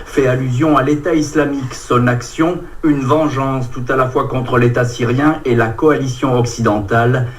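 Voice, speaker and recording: A man's voice: mid-range voice, steady tone, normal speed, few pauses, distant mic, slight background noise. A man delivering a scripted radio news report in a neutral, narrative tone.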